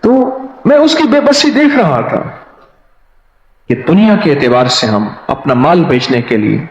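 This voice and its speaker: Male preacher, fairly high voice with a lively, swinging delivery. Storytelling sermon in a big echoing hall, on a dull, lo-fi recording. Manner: animated storyteller who acts out other people's words. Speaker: spiritual preacher. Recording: echoey hall, dull lo-fi sound.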